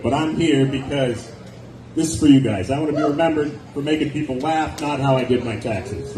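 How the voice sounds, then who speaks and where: Holding a stage mic at an indoor nightclub, a stand-up comedian in his forties speaks in a slightly high voice. He banters with the crowd in a sardonic way, dropping wry asides. The club sounds echoey, recorded from a distance amid background noise.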